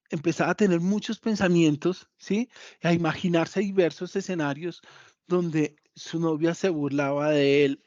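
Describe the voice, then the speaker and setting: A man's voice: a little high, darkish tone, no room sound, highs cut off. A man giving a motivational psychology lesson, repeating key points and speaking directly to his listeners.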